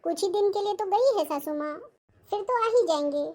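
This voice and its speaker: An actress playing a patient, hardworking elder sister-in-law who often grumbles to herself, in a family drama. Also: female voice, very high-pitched, animated, moderate pace, dark tone. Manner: fussing, complaining to herself. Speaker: actor.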